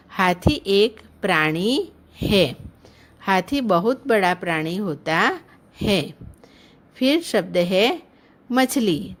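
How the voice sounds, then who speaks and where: Female primary teacher, unhurried to the extreme, stretches each syllable for young pupils. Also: medium pitch. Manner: drawn-out, careful syllable-by-syllable pronunciation; gentle explaining tone addressing children. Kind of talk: slow online Hindi lesson for children.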